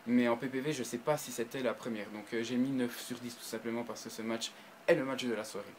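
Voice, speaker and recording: Male reviewer, mid pitch, casual talk to viewers. Halting, full of restarts, flares up with excitement. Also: a little hiss or hum, low-quality recording. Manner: hesitant, frequent restarts and fillers, bursts of excitement. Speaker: video reviewer. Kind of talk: casual spoken review to camera.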